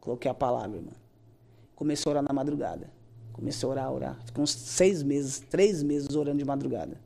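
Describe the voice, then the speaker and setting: A woman tells an emotional religious testimony. Her voice is mellow and a touch dark. She talks earnestly and acts out her own prayers as she goes. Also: a bass voice, brisk, gravelly. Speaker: guest giving a church testimony.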